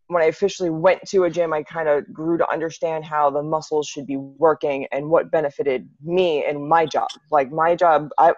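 On a casual podcast, a young woman, an urban EMT who also coaches fitness, talks loosely and keeps starting her sentences over. She speaks low, with a darkish tone. The audio has no echo and sounds dull, lo-fi, and dry.

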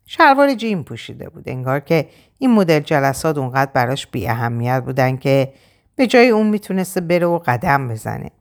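A woman narrating an audiobook in an expressive, measured reading. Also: very deep voice.

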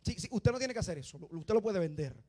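A man preaching a sermon, dropping to quiet confiding talk and rising to loud shouted exhortation. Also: high voice, expressive, fast talker, husky.

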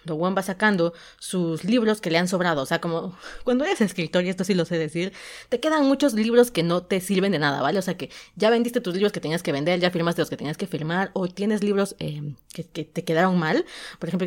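Chatty Mexican woman, lowish voice. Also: darkish tone. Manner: chatty, often pauses to search for words. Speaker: podcast host and novelist. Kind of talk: casual storytelling, recapping a story.

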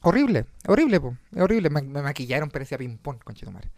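A Chilean comedian and podcast host telling stories in a casual, swearing, laugh-filled chat. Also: male voice, fairly high pitch, quick pace, no room sound. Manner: swearing, animated, laughs often.

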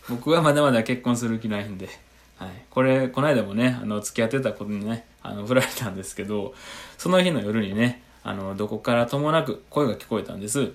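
A man in his late 20s, a podcast co-host, performs a radio-drama style comic skit, explaining things politely and matter-of-factly in dialogue. His voice is on the low side, and he talks fairly quickly.

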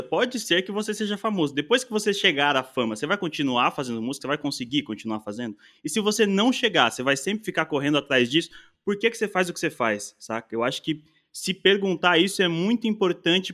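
A man's voice: on the high side, lively intonation, quick pace, few pauses, sharp tone. A man in casual conversation, talking reflectively and rambling with lots of slang fillers. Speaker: musician and podcast guest.

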